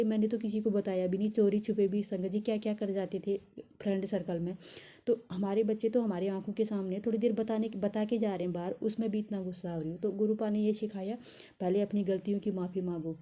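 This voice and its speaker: A woman's voice: mid-range voice, dark tone. A woman in her thirties earnestly telling a devotional testimony, rambling with many restarts and fillers.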